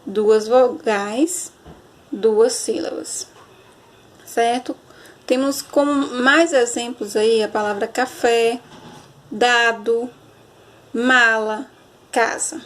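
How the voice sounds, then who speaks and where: A woman teacher, giving a recorded grammar lesson and often checking understanding with a quick question. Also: fairly high pitch, steady tone. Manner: explanatory, checks understanding with frequent "certo?"; stretches and stresses example words slowly.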